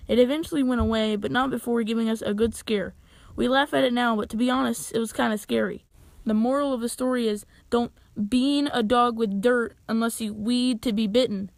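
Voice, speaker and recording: Young woman, storytime narration, wry dry humor, slightly high voice, dead dry sound. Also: steady tone, a little fast, gravelly, dry recording. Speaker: channel owner telling a story.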